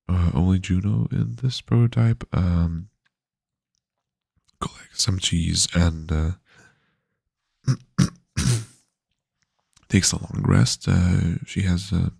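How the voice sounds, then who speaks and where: A man with a low, slow voice full of gravel and a husky edge, talking through his game project on a live stream. He sounds yawny and halting, stopping to restart his words. The sound is close and dry, with no room around it. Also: darkish tone, dry recording. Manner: sleepy, halting, many fillers and restarts. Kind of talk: casual live-stream devlog.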